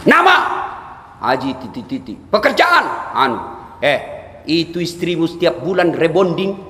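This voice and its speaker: A man's voice: sits high, wildly swooping pitch, moderate pace, bright, forceful tone, exaggerated voice. A man voicing a stern angel who interrogates souls at heaven's gate with barked questions. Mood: demanding. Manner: barking, demanding questions. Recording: echoey hall, faint ambience.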